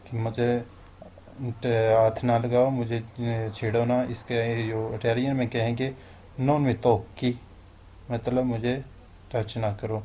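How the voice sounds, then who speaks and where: A man with a Pakistani Urdu accent teaches phrases in a flat, even tone. His voice is mellow and dark, and he slows right down to stress each foreign phrase. Faint background noise sits behind him. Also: medium pitch. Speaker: language teacher. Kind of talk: explaining phrases step by step.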